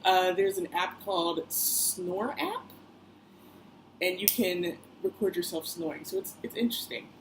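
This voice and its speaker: Speaking unhurriedly in a lowish voice, a young woman records a casual personal vlog. She chats and rambles with lots of fillers and little asides, and faint background noise can be heard.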